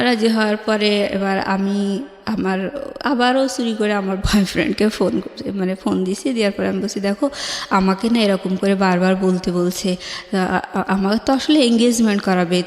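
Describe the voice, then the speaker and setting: A woman's voice: mid-range voice, fairly even intonation, moderate pace. Young woman caller telling her story, earnest, keeps stumbling and restarting words, lots of room echo, long reverb. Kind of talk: casual spoken storytelling.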